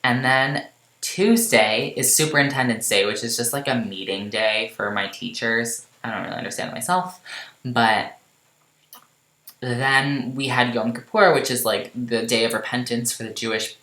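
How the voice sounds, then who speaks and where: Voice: medium pitch, normal speed, pushed and bright. Rambling teen vlogger in a roomy echo. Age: late teens. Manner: rambling, filler-heavy, self-deprecating. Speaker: game vlogger. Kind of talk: casual rambling chat over gameplay.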